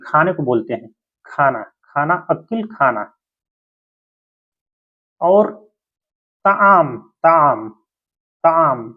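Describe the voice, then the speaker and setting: A man teaching simple vocabulary in a slow spoken lesson, repeating each word again and again with patient, deliberate delivery. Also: fairly high pitch, narrow, tinny audio. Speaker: language teacher.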